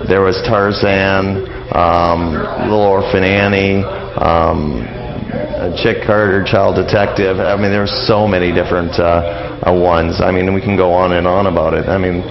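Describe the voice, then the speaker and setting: A man with a low, flat, unhurried voice and some vocal fry talks as a guest on a casual radio interview, explaining things in a loose, rambling way. He's an old-time radio enthusiast, and the dull lo-fi radio audio carries a murmur of crowd noise.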